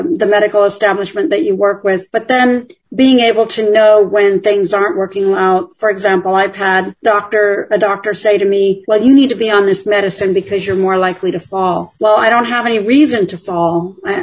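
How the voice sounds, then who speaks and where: Woman, casual panel talker, breathy, chatty with restarts. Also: medium pitch, poor audio. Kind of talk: casual chat.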